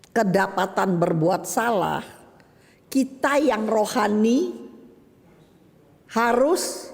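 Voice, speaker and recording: A woman preaching, slipping into casual slang as she teaches. Her voice has a gravelly fry at the edges, and she swings from high, emphatic lines to low, quiet ones. A long reverb hangs behind her, as in a large hall. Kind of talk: sermon teaching.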